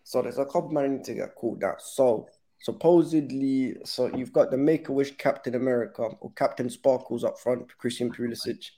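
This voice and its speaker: A man's voice: mid-range voice, fairly quick, mellow, breathy edge. A man with a London roadman accent bantering casually about football in street slang. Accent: London, urban street style. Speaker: football fan panellist.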